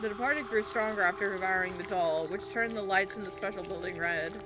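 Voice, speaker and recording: A woman playing a game and commenting as she goes, reading game text aloud in an expressive, reactive way with casual swearing. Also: medium pitch, brisk, over music. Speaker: game streamer. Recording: clearly noisy background.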